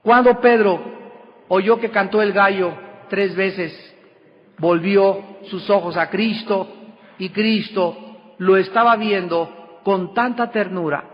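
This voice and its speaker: A man preaching a sermon, emphatic, with sudden rises and slow drawn-out words. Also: high voice, steady tone. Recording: dull lo-fi recording with long hall reverb.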